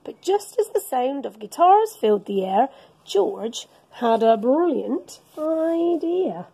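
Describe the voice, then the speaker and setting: The audio is poor as a middle-aged woman, voice sitting high with vocal fry, slowly reads a picture book aloud for children in an indoor school classroom. Like a teacher, she performs it with animated, dramatic expression, complete with gasps and whispers.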